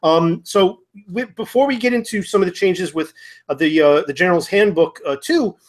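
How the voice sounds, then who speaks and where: A man's voice: high voice, moderate pace. A man hosting a tabletop gaming talk show, asking questions with many fillers and restarts. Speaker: podcast host. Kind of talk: casual hobby gaming discussion.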